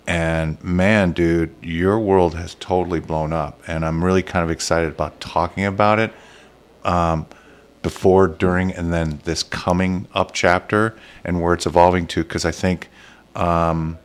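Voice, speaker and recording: Host, male, very low voice, loose rambling delivery with fillers. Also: flat delivery, measured pace. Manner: rambling, many fillers and restarts. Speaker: show host. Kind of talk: casual interview chat. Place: Las Vegas.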